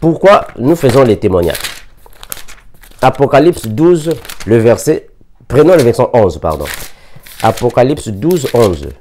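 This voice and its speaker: Dark-voiced African preacher man. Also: mid-range voice, sing-song, a little slow, pauses often, slight background noise. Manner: repeats scripture references, emphatic quoted verses. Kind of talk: sermon.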